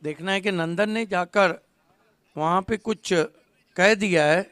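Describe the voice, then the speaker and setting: A man giving live cricket commentary, full of quips, who jumps to loud calls on big moments. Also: sits high, slow, clear, resonant tone, dry recording.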